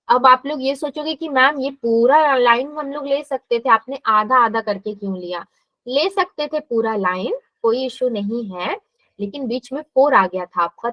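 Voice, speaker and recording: A woman's voice: a little high, dry recording, muffled recording. A woman math teacher giving a live classroom lesson, explaining step by step and asking her students questions.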